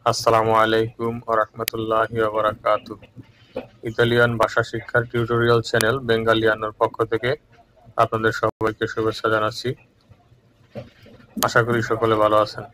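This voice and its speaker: A man from Bangladesh teaching a recorded language lesson, calm and measured, repeating each word twice. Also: on the low side, a little hiss or hum, poor audio.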